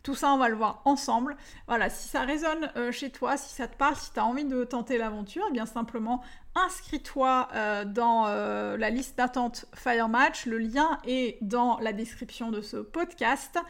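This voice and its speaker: A French woman in her thirties hosts a solo podcast as a dating coach, speaking eagerly to the listener with many fillers and restarts. Her voice is fairly high and her pace moderate.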